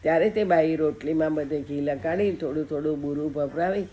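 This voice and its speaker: Low, mellow-voiced woman reading a story. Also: fairly quick, slight background noise. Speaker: devotional storyteller. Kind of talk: reading a devotional story aloud.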